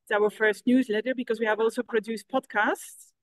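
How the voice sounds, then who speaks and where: A woman's voice: fairly high pitch, fairly even intonation, no echo, rough recording. Belgian-born woman researcher, dry close sound. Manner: measured, explanatory, some restarts. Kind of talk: conference talk over a video call. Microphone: video call.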